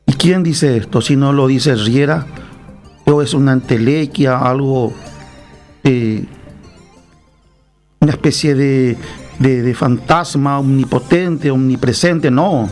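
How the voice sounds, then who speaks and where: A Paraguayan-accented man delivers a combative opinion monologue at an unhurried, weighty pace. His voice sits fairly high and has a gravelly edge. Faint music plays quietly behind him. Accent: Paraguayan Spanish. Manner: combative, emphatic, acts out little dialogues. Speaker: political commentator.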